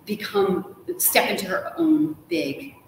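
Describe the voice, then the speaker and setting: A middle-aged woman with a high, gravelly voice and lively intonation speaks slowly as an interview guest in a large indoor hotel room. She gushes and talks a lot, often saying "like", in this animated casual conversation, recorded with roomy echo and background noise.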